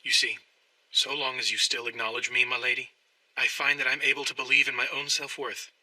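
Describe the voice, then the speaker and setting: A man's voice: mid-range voice, little pitch movement, a little fast, sharp tone, no echo, far from the mic, poor audio. An actor playing a reserved, loyal male instructor who speaks formally in an anime English dub. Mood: subdued. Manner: formal, subdued.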